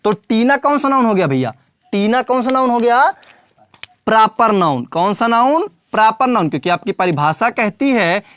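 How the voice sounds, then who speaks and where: A man's voice: high-pitched, animated, moderate pace, a bit bright. A man teaching English grammar in a classroom lesson, repeating points and quizzing the viewer with questions, calling them brother and child.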